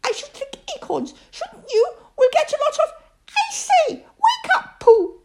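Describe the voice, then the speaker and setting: A woman puts on a tiny, excitable little piglet with a squeaky voice pitched far above a normal speaking voice. He chatters eagerly and brightly, his tone thin and a little distant. He is a storybook animal. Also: a little slow, heavy background noise, heavily acted. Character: small timid excitable male piglet. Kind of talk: storybook reading.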